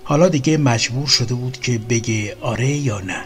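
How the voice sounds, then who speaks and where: A man calmly narrating a first-person story in a measured, even reading. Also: medium pitch. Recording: faint music underneath.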